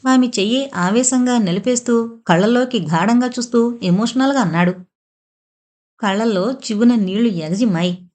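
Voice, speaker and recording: A woman narrating a romantic audio novel in a steady, lyrical storytelling manner. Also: a little high, normal speed.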